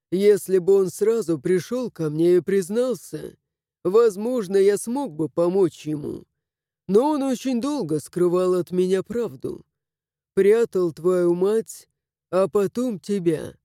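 A man performs an ancient dragon who speaks with patient, lecturing calm in a storybook reading. His voice sits high for a man yet sounds mellow. The pace is slow and deliberate, and the recording is close and dry. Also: dry recording. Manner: measured, lecturing. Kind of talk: audiobook character voice.

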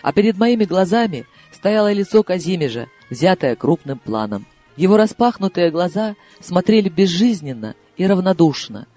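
A man reading a novel aloud in expressive first-person narration. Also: sits high, moderate pace. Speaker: audiobook reader. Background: soft background music.

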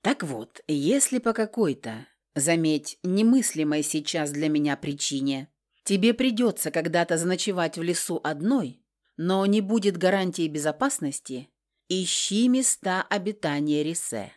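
A woman's voice: on the low side, expressive, a little slow, darkish tone. A woman voicing a protective nonhuman man who patiently explains things to his companion.

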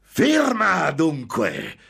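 A man voicing a scornful, menacing male demon tempter in an audiobook reading, slow and drawn out, swelling into shouts. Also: on the low side, lively intonation, pitched above the performer's own voice, full character voice. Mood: urgent.

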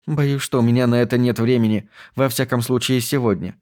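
A man voicing a courteous, hurried young woman researcher, speaking in a lifted voice. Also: mid-range voice, fairly even intonation, darkish tone, natural voice. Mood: polite.

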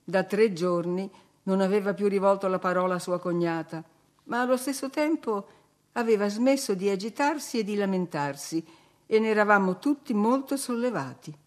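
Woman audiobook narrator, middle pitch, measured and expressive literary reading.

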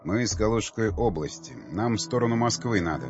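A man playing a gruff sarcastic leader. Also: on the low side, lively intonation, fairly quick, soft background music, natural voice. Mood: exasperated. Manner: blunt, sarcastic, exasperated. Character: gruff weary male expedition leader. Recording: dull lo-fi dry recording.

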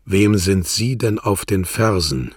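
A man's voice: low voice, expressive, slow, breathy edge, no echo, clean studio sound, full character voice. A man voicing a sullen, guilty middle-aged shopkeeper who mutters dully and grimly, in a radio drama reading. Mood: dull. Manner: dull, muttering, grim.

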